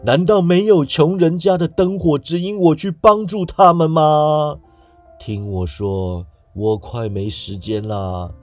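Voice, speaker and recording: A man voicing a grieving, chained male ghost who speaks slowly and heavily in a storybook reading. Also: fairly high pitch, darkish tone, no room sound, faint music behind, pitched above the performer's own voice. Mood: lamenting. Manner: slow, drawn-out, heavy delivery.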